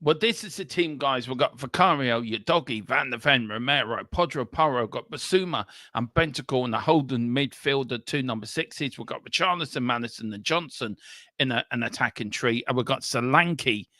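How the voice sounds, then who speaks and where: A man's voice: mid-range voice, normal speed, sharp tone, dry recording. A man hosting a live football watchalong, chatting eagerly with frequent ums, recorded close on a headset mic. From Ireland. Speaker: watchalong host. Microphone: earpiece headset on a live stream.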